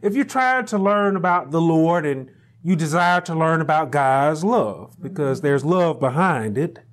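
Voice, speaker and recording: A middle-aged man delivers a Sunday sermon from a pulpit in a small chapel, speaking into a lapel microphone. His voice sits notably high for a man. He climbs into shouted emphasis and leans on repetition to drive each point home. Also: animated, measured pace. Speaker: pastor. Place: small chapel room indoors, standing at a pulpit. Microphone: lapel mic.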